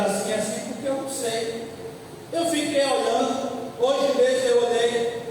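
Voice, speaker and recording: A man in his fifties from Brazil, a pastor preaching a sermon slowly and repeating his points. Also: high-pitched, darkish tone, slight background noise. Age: 50s. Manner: slow, repetitive preaching with scripture reading. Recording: echoey hall from far off.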